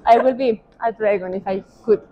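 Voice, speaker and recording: Speaking briskly at medium pitch, a middle-aged doctor chats casually in an interview, searching for the right English words since it isn't her native language. She's on the move in a large indoor hotel hallway and walkway. The recording is dull, and the ambient noise is clearly noticeable.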